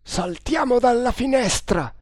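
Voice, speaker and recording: A man reading an audiobook, voicing a frightened male strangler ally with high, urgent cries. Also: moderate pace, no room sound, clean studio sound. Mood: panicked. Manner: high, shouted pleas.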